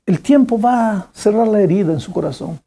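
A gentle young church girl who soothes and reassures calmly, as a man puts her on in a sermon. The voice is mellow and a little husky, with a lively lift. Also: sits high, a little fast, pitched above the performer's own voice. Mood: consoling.

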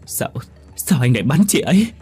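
A man's voice: mid-range voice, sing-song, moderate pace, a little mellow, breathy edge, soft background music, voice pushed up. A man voicing a tearful young woman who pleads and sobs. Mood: pleading.

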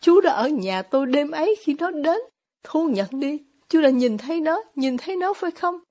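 A woman voicing an intense, tormented young man with sharp outbursts and stammered questions, read as an audiobook. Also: high voice, expressive, normal speed, voice pushed up. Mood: frantic. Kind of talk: audiobook reading of dialogue.

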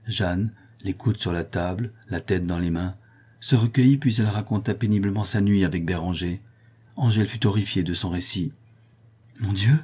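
Male narrator, calm measured reading, dark tone, husky. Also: low-pitched. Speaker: audiobook narrator. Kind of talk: scripted narration.

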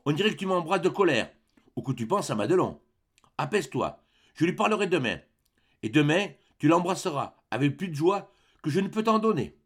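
A man voicing a gentle, shy young peasant girl who talks softly and coaxingly in an audiobook. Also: a little high, big pitch swings, brisk, breathy edge. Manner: soft and coaxing.

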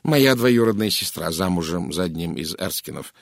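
A man's voice: deep voice, expressive, moderate pace, dry recording, clean studio sound. A man voicing a stern, brusque middle-aged Englishwoman in an audiobook, speaking curtly and bluntly. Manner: curt, blunt, disapproving. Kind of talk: audiobook character reading.

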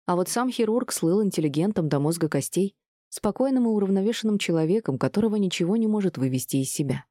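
A woman reading a novel aloud in an expressive audiobook narration. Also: mid-range voice, fast, no room sound, studio quality. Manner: expressive, even storytelling.

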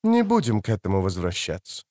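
A male audiobook reader voicing a cold, stern ancient male elf who speaks with calm, measured warnings. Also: medium pitch, no echo, clean studio sound, close to an everyday voice. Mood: gentle. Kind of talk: audiobook character reading.

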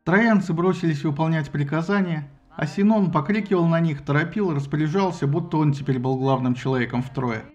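A man narrating an audiobook with a lively, ironic storytelling manner. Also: fairly high pitch, brisk, hardly any pauses, highs cut off, soft background music.

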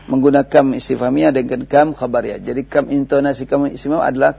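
A man's voice: mid-range voice, fairly even intonation, fast talker, gravelly, mellow, slightly rough. A man with an Indonesian accent teaching Arabic grammar in a recorded lesson, patiently explaining and quizzing his student step by step. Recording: dull lo-fi radio broadcast with faint hiss.

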